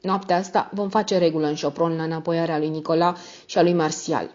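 A woman's voice: deep voice, steady tone, darkish tone, close to an everyday voice. A woman reading an audiobook voices a cold, iron-willed widowed mother giving curt orders. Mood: commanding. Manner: curt, terse commands. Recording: dull lo-fi audio.

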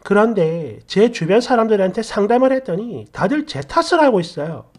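A woman's voice: mid-range voice, very animated, normal speed, a little mellow. A woman narrating a story in the first person, sounding indignant and aggrieved as she complains.

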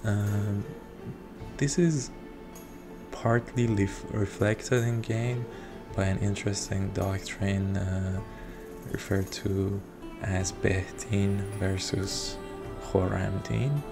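A Persian-speaking man reviews a strategy game, commenting on the fly with plenty of ums and uhs while music plays in the background. His lowish, gravelly voice holds a steady tone, and he takes his time.

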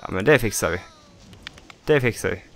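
A man with a Swedish accent and a fairly low, gravelly voice gives casual let's play commentary over slight background noise. He chats to himself, swears at small mishaps, and breaks into excited shouts.

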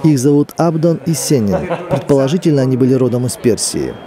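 A man voicing a translation over interviews, in a quick, clipped delivery. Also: medium pitch, very animated, a crowd in the background. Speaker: dubbing voice-over.

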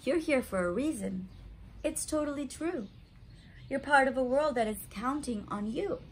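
A woman in her thirties hosts story time for young children from a small room at home, her voice sitting high at a moderate pace with slight background noise. She talks expressively and simply, as though speaking straight to a child, and asks questions along the way.

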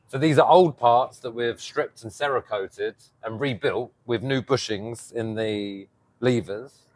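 A man's voice: mid-range voice, measured pace. A man in his thirties, a custom motorcycle builder, talking casually and animatedly outdoors by a garage door on a lapel mic. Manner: animated, explains with hand gestures. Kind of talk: casual show-and-tell.

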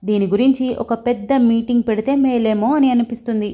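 Woman narrator as playful young mother, mellow and affectionate. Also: fairly high pitch, fairly even intonation, brisk, muffled recording, close to an everyday voice. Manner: affectionate, teasing.

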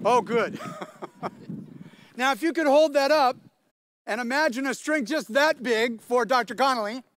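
An older man with an extremely high, fairly bright voice delivers a playful outdoor commencement speech, quizzing the crowd from a podium mic at a stadium ceremony. The recording has no room sound.

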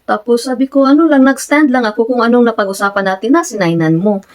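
A woman's voice: fairly high pitch, quick pace, rough recording. Filipina woman, chatty Taglish storytelling. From Philippines. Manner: mixes Tagalog and English, retelling conversations; grows animated and emphatic. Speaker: vlogger. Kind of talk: casual storytelling vlog.

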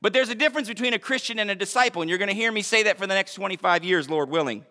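A man in his thirties preaches to his church with a high, bright voice. He is emphatic and animated, pushing some lines up to a shout and dropping others to a near hush. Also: racing. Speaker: pastor. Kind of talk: sermon. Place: church sanctuary.

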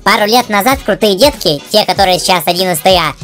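A woman voicing an excitable, scheming male talking dog who speaks in slangy exclamations. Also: mid-range voice, quick pace, soft background music, natural voice. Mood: scheming, eager.

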